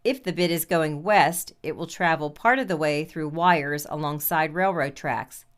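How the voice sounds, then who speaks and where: A woman delivers scripted narration in a formal manner. Her voice is a little low, smooth and very clean. Each phrase is carefully enunciated. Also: unhurried. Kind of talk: scripted narration for listening practice.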